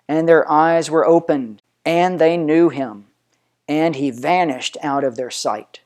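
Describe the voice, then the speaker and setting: A man reading scripture aloud in a solemn, measured way, declaiming it with emphasis. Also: a little high, darkish tone. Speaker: reader of scripture.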